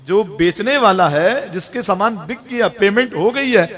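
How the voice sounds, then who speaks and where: A man preaching a sermon, telling stories lively, acting out everyday characters and laughing lightly between points. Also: high voice. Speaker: Islamic preacher. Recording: long reverb of a large hall.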